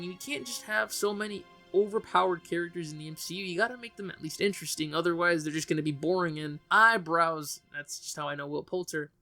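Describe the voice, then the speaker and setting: Male vlogger, light-pitched, frank and opinionated, casual film review delivery. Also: bright, forceful tone. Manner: opinionated and frank, with loose trailing phrasing.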